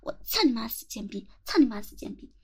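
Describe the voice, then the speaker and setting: A woman's voice: on the high side, very animated, fast, creaky, husky. A woman in whispered role-play, giving domineering, insulting commands close to the mic and counting out a rhythm. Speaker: ASMR performer. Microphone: close mic at the ear.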